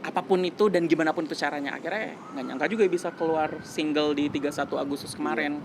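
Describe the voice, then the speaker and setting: A man's voice: on the high side, fast talker, noisy background. A man in his twenties, a musician guest, talking earnestly and reflectively in a casual interview, slipping in English phrases. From West Java, Indonesia. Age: 20s.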